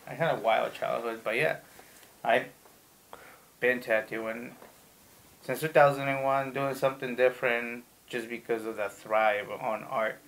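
A gravelly-voiced man from Ecuador in his thirties, chatting as a guest tattoo artist. He talks at a middling pitch and tells loose, animated stories peppered with swearing. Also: a little slow. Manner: rambling, animated storytelling with profanity. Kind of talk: casual interview chat.

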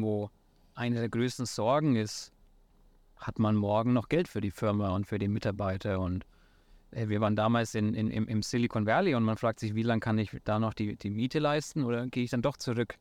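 In a dry recording, a Franconian man in his thirties from the Nuremberg area talks casually as a startup founder guest in an interview. His medium-pitched, slightly mellow voice is hesitant, packed with fillers and restarts, with English words mixed in; his accent is Franconian German.

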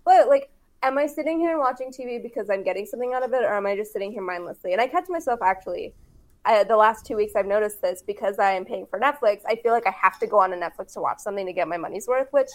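A woman's voice: medium pitch, fast talker. A woman co-hosting a podcast in casual chat, telling stories with quoted voices and laughter. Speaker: podcast co-host.

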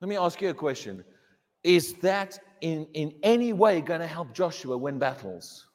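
A man's voice: on the high side, expressive, moderate pace, big-room sound. A pastor preaching a sermon in a church, emphatic and questioning, often repeating his words.

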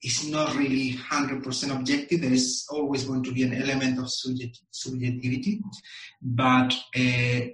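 A man from Chile, answering interview questions in a measured way and pausing often with ums and uhs. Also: mid-range voice, flat delivery, a bit bright, recorded from a distance. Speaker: guest. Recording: echoey room, voice a bit off-mic.

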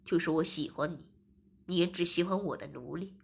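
A woman's voice: lowish voice, expressive, normal speed, breathy edge, voice pushed down. A woman voicing a cold, domineering master in an audio story, speaking in a clipped, commanding way.

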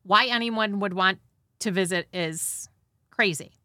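A woman's voice: medium pitch, measured pace, bright, forceful tone, no echo, studio quality. A woman hosting and narrating from a script with casual, conversational asides and a dramatizing touch. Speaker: host.

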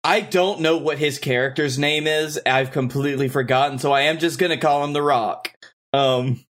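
A man's voice: on the high side, fairly even intonation, moderate pace, a bit bright. Easygoing man riffing on a podcast. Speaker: podcast co-host. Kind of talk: comedic improv chat.

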